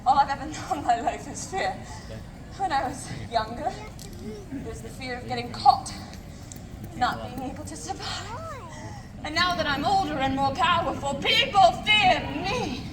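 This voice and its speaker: A woman's voice: sits high, lively intonation, moderate pace. A woman playing a proud, yearning outlaw queen in projected, mock-Elizabethan Renaissance faire speech on an outdoor stage. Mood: bitter, yearning. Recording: echoey outdoor arena, distant mic, noisy crowd.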